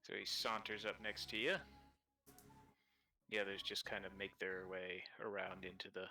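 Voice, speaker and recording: A man running a tabletop role-playing game as dungeon master, describing scenes in measured narration. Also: sits low, level tone, pushed and bright, faint music behind.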